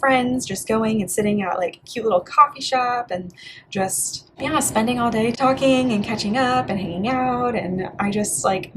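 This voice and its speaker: A young woman from Bulgaria who talks through her bullet journal pages in a relaxed, chatty voice-over full of "like" and "yeah". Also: fairly high pitch, noisy background. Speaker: art vlogger. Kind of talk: casual voice-over flip-through.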